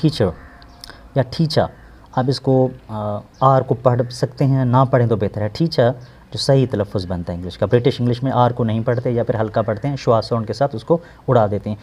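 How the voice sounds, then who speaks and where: Male tutor, mellow tone, methodical word-by-word teaching. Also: medium pitch. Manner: patient, repeats and glosses each word slowly. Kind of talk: explaining an English textbook lesson.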